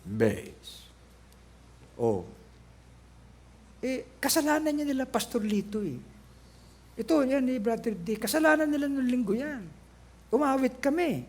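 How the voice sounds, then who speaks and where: A male pastor with a Filipino accent preaching a sermon, animated and joking, mixing in English phrases, his voice lower than usual. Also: normal speed. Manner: animated, joking, switching between Tagalog and English. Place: church.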